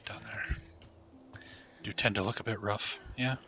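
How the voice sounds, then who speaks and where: A male streamer giving casual commentary on a fantasy role-playing game, reading game text aloud in a relaxed way. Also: lowish voice, a little slow, whispered.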